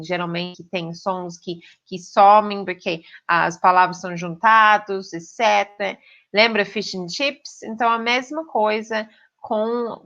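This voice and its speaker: A woman's voice: medium pitch, fairly bright tone. English woman teaching in a dull recording. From Britain. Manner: clear teaching tone with frequent "ok?" check-ins. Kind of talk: online pronunciation lesson.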